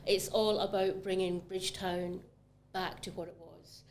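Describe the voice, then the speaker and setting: A fairly low-pitched woman speaks a little slowly with a flat delivery. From Scotland and carrying a Scottish accent, she's a commercial property manager chatting about retail property on a casual podcast, enthusiastic and peppered with ums.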